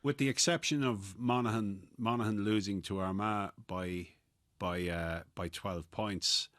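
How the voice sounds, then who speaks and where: An Irish man with a fairly low voice talks through sport as a pundit. He is measured and analytical, and the sound is dry with hardly any room on it. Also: fairly even intonation, a bit bright, no echo. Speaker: Gaelic football pundit. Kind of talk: sports discussion.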